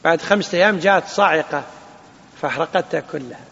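A man teaching a classroom lesson, reading a legal text aloud and explaining it slowly, often checking with his students. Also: fairly high pitch, creaky, fairly bright tone, husky, long reverb tail, muffled recording. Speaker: Islamic jurisprudence teacher.

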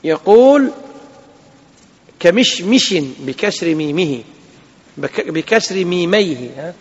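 A man teaching a classroom lesson, reading a legal text aloud and explaining it slowly, often checking with his students. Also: high-pitched, lively intonation, creaky, a bit bright, in a large hall, highs cut off. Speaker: Islamic jurisprudence teacher.

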